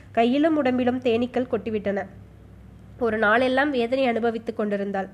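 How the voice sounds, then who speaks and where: Female narrator, slightly high voice, emotive dramatic storytelling. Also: darkish tone. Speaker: audiobook narrator. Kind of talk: expressive novel narration.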